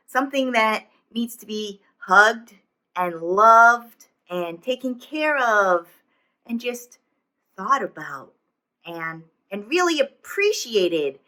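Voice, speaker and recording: A woman voicing a goofy, excitable puppet who hosts a children's storytime in a rambling, chatty way. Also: mid-range voice. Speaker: children's show host.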